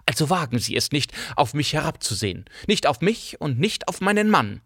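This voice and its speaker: A man's voice: fairly high pitch, big pitch swings, a little fast, fairly bright tone, dry recording, clean studio sound, voice pushed up, heavily acted. A man voicing a melodramatic former stage actress who declaims in a grandiose, self-pitying way in an audiobook. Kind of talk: audiobook character voice.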